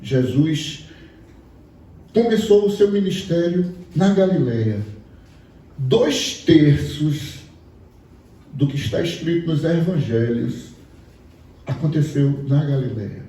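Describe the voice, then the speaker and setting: Preaching slowly with long pauses, this Pernambuco man tells stories and puts questions to the audience in his regional Brazilian Portuguese accent. His somewhat high voice is warm and animated, picked up from a distance in an echoey hall.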